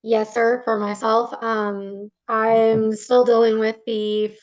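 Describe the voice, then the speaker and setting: A woman giving polite sworn testimony as a witness, halting, with long pauses. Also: fairly high pitch, level tone, clear, resonant tone, dry recording. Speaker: witness, parent in child support case. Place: court hearing over video call. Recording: slightly dull video call audio.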